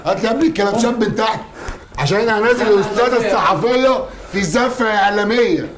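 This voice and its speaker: A man's voice: sits high, rapid-fire. A man with an Egyptian accent posing as a police officer in a hidden-camera prank, barking orders and questions. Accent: Egyptian Arabic. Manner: barking, commanding interrogation. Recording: music and crowd noise behind.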